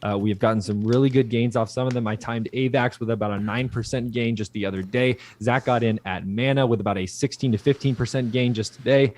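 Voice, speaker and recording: A man's voice: mid-range voice, fairly even intonation, fast talker, few pauses, darkish tone. A man co-hosting a livestream as a slangy, hyped crypto bro, casually promoting and reading out viewer comments. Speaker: livestream co-host.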